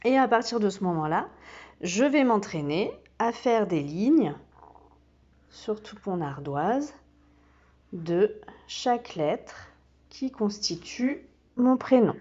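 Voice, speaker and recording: Slow, patient woman teaching. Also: mid-range voice, lively intonation, a little mellow, muffled recording. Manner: patient, with many fillers. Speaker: kindergarten teacher. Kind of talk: slow step-by-step demonstration.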